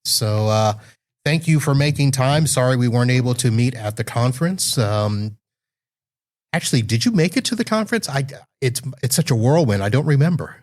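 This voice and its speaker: A man's voice: mid-range voice, animated, normal speed, darkish tone. A man hosting a business technology podcast, asking questions in a casual, friendly way with plenty of fillers. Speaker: podcast host. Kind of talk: conversational podcast interview.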